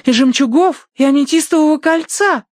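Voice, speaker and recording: Man reading as spoiled excitable young girl, squealing high, storybook. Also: normal speed, dry recording, clean studio sound, natural voice. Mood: excited, shrill.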